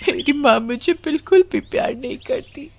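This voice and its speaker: Cartoon storybook: a timid, tearful little girl, voiced by a woman, high and soft. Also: steady tone, normal speed, dry recording. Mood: sad. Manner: tearful, pleading.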